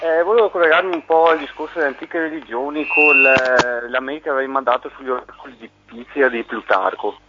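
A man calling in to a radio show over the phone, talking casually and hesitantly with many pauses and fillers. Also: mid-range voice, fairly even intonation, very noisy. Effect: heard over a phone line. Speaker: radio caller. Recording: dull phone line on radio.

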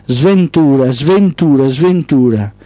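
A man's voice: on the high side, expressive, slow pace, warm tone, no echo. A man voicing Misfortune, a relentless female spirit and daughter of Night, who speaks insistently in a storytelling piece. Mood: ominous.

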